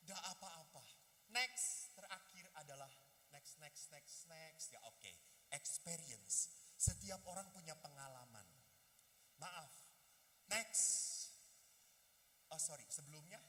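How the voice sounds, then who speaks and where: A man, a priest, giving a lively talk to young people and acting out the voices of people in his stories. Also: fairly high pitch, big-room sound, a little hiss or hum. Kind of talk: lively youth talk with acted dialogue. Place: hall at a youth gathering.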